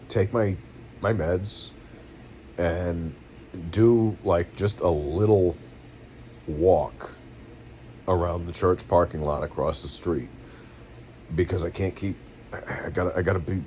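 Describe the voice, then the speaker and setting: Deep-voiced weary New England man venting. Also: darkish tone, slight background noise. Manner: halting, rambling, tearful and earnest. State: weary and in pain, close to tears. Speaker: vlogger. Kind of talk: emotional personal venting. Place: at home, seated.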